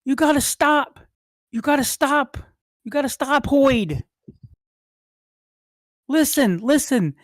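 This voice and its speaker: A game master putting on a panicked teenage brother, pitched well up from the narrating voice, yelling and pleading. He is loud and urgent. The sound is dry. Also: lively intonation, very slow, pauses often, no room sound. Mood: desperate.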